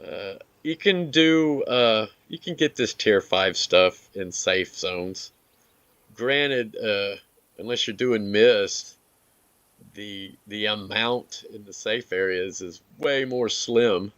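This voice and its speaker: Man, lowish voice, slow rambling game commentary, dry and dull lo-fi sound. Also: no echo. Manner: rambling, relaxed, with filler words. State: hiccups. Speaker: gaming video creator. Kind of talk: casual gameplay commentary.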